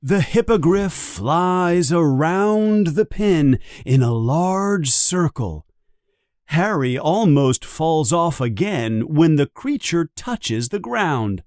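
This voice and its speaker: A man narrating a simple storybook for learners in a very slow, expressive reading. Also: a little high, no echo, studio quality.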